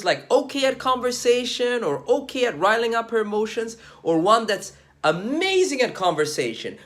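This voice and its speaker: A young man who is a dating coach, talking casually to camera in an energetic, slangy, emphatic way. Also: sits high. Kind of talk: casual vlog talk to camera.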